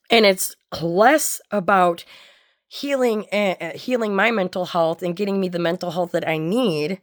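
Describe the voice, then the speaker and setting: A woman giving a candid personal monologue in a blunt, sweary way, often halting as she searches for words. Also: mid-range voice. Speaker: personal storyteller.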